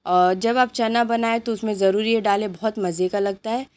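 A woman's voice: mid-range voice, fairly even intonation, a little mellow. A woman hosting her cooking channel, chatting unhurriedly through a grocery haul while filming at home on a handheld phone. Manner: chatty, unhurried listing of items. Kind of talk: grocery haul show-and-tell. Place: indoors at home, items on a patterned rug.

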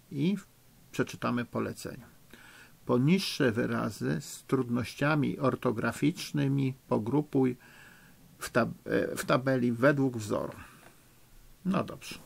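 Slow, gravelly-voiced male teacher. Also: medium pitch. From Poland. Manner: slow, patient, encouraging, spells out spelling rules. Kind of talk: recorded remote lesson for children. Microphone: recording for a lesson video.

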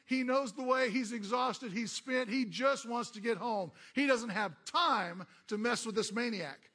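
Middle-aged man, pastor, sermon, animated storytelling, bright high voice. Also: measured pace. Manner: animated storytelling, asks the congregation for responses.

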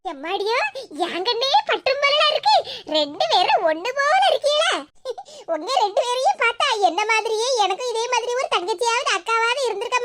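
A woman's voice: very high-pitched, a bit bright. A woman doing chatty village women with a Kanyakumari accent. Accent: Kanyakumari Tamil. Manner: friendly, gossipy.

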